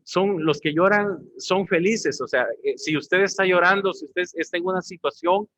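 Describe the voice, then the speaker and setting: A man's voice: high-pitched, normal speed, a bit bright, no room sound. A man preaching a sermon as pastor, often calling his listeners brothers. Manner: preaching, addressing the congregation as brothers.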